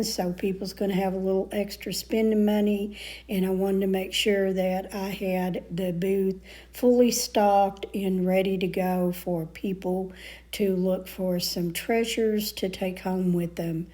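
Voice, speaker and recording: A woman's voice: medium pitch, little pitch movement, measured pace, mellow, rough recording. A middle-aged woman chatting casually in a home vlog, homey and full of little fillers. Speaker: vlogger and booth reseller.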